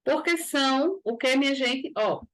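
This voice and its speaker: A woman's voice: sits high, measured pace, fairly bright tone. A woman with a Brazilian Portuguese accent teaching a grammar lesson for exam preparation, explaining step by step and checking in with frequent tag questions.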